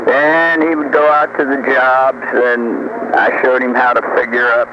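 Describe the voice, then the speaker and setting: Over a noisy, muffled CB radio tape, an older storyteller rambles in a folksy, boastful way, often tossing out rhetorical questions. His voice is medium-pitched, and his delivery is flat and a little slow.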